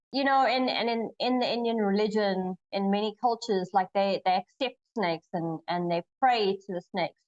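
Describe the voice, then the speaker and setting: A woman's voice: medium pitch, darkish tone, dull audio. A young woman from Zimbabwe, a snake researcher, answering interview questions thoughtfully over a video call, with frequent fillers and restarts. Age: young adult.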